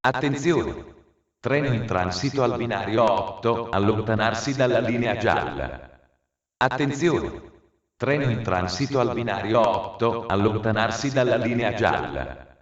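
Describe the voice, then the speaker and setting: Man, flat formal station announcement, segmented phrasing, distant, muffled public address sound. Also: fairly low pitch, measured pace. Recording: echoey dull station loudspeaker from afar.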